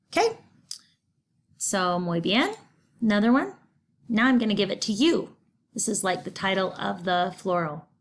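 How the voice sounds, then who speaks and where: A middle-aged woman, patiently teaching a recorded Spanish lesson, explaining grammar step by step. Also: medium pitch. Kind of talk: recorded remote class lesson.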